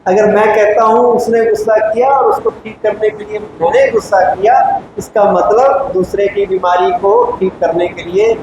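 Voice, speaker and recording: A man with a high voice gives a spiritual discourse to a gathered audience, pressing his point with emphatic rhetorical questions and patient explanation. His voice rings through a heavily echoing hall. A steady hum of background noise sits under every word. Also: normal speed. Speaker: spiritual teacher. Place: large meditation hall.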